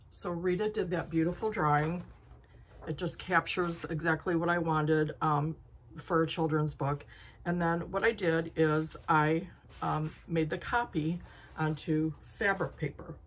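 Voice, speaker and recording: Speaking slowly in a deep, fairly even voice, a quilting vlogger in her sixties shows off her projects in a casual chat. She rambles, often saying um and starting over, recorded on a phone camera at arm's length in her craft studio at home.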